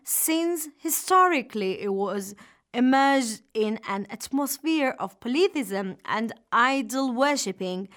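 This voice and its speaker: A woman's voice: on the high side, fairly bright tone. A woman hosting a religious radio talk in a formal, teacherly manner. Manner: formal, didactic. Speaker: radio host.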